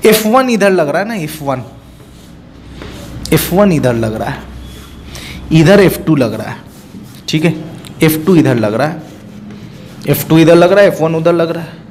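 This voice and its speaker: A man's voice: a little high, expressive, unhurried, long pauses, a little mellow, a little hiss or hum. A man teaching physics for an exam-prep class, asking questions over and over and answering them himself, mixing in English terms. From India. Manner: mixes Hindi with English terms.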